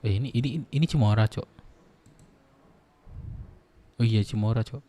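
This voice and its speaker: A man's voice: fairly low pitch, steady tone, racing, warm tone. A young man streaming a game roleplay, chatting casually in slang and laughing often.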